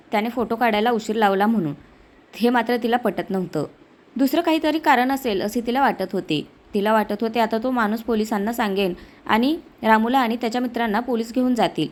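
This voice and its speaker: Woman narrating a rustic story. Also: fairly high pitch. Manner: voices the characters' village dialogue with her narration.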